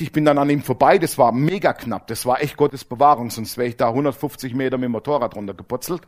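A man preaching a sermon with dramatic storytelling, swinging between loud emphasis and low hushed asides, slowing down to stress key words. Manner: slows down to stress key words, then rushes.

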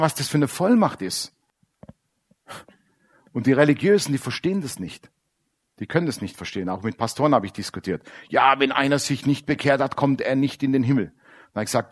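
A man delivering a sermon, blunt and animated. He acts out the people he quotes and drops to quiet asides. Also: mid-range voice. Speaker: preacher.

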